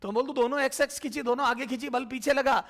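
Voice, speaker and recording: A physics teacher, a man, works through a lecture at the board. His voice sits high and has a gravelly, creaky edge. He fondly calls students "beta", poses their questions and answers them, and drags out terms as he writes. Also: fairly even intonation, a bit bright. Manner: repeats terms slowly while writing.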